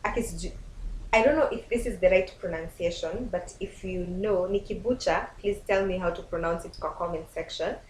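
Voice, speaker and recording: A woman's voice: lowish voice, a little fast, a little mellow. A young Kenyan woman co-hosting a casual quiz chat, laughing often and switching between English and Swahili. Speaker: co-host. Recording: roomy studio with faint noise.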